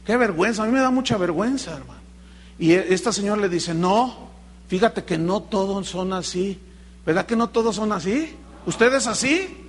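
High-voiced pastor preaching. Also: male voice, moderate pace, a little hiss or hum. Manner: animated preaching, acts out dialogue in voices. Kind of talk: sermon.

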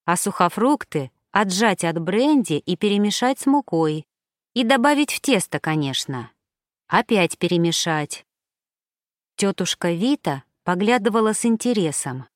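A woman narrating an audiobook in a calm, even storytelling voice. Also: medium pitch, unhurried, no room sound, studio quality. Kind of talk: scripted narration.

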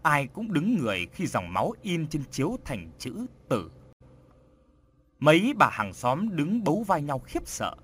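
A man narrating a ghost story in an expressive, dramatic way. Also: on the high side, a little slow, a little hiss or hum. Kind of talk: audiobook horror story narration.

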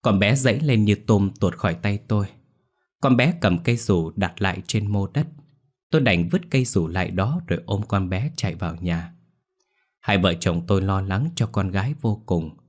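A man narrating a ghost story in the first person with a tense, scripted delivery and a husky voice. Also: fairly low pitch, normal speed.

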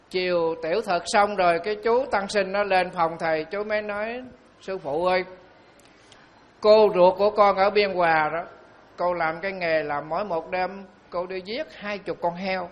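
Monk telling stories. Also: male voice, high-pitched. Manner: storytelling, slow and emphatic on key phrases. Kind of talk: sermon.

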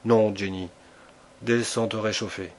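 A man's voice: fairly low pitch, fairly even intonation, measured pace, slight background noise, natural voice. A man reading the lines of a grumbling sixty-year-old ship captain in an audiobook.

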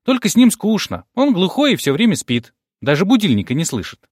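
A talkative eight-year-old girl, voiced by a male narrator, pitched well above his own voice. She chatters briskly and plainly, as in an audiobook. The recording is close and dry. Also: wildly swooping pitch, a little mellow, husky, no room sound, heavily acted. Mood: chatty. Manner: brisk, talkative, matter-of-fact.

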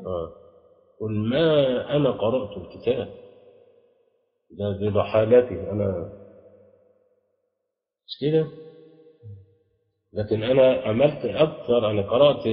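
A man's voice: on the low side, expressive. Egyptian-accented male teacher quizzing his class. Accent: Egyptian Arabic. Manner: explains slowly, quizzing students with rhetorical questions. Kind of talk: classroom lecture on grammar. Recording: dull lo-fi audio with long reverb.

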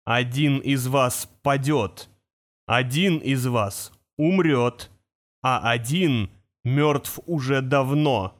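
A man voicing an ancient male creature of stone and fire, speaking slowly and ominously. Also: medium pitch. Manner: slow, solemn, ominous.

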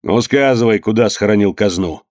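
A man voicing a harsh, furious master who shouts scornfully at his servants. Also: lowish voice, moderate pace, no echo, clean studio sound, lightly acted.

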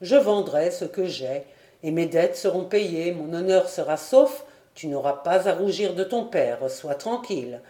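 A woman's voice: on the low side, dark tone, reverberant. A woman voicing a breezy, proud middle-aged painter father in a storybook reading. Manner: light, brisk, then cold and clipped.

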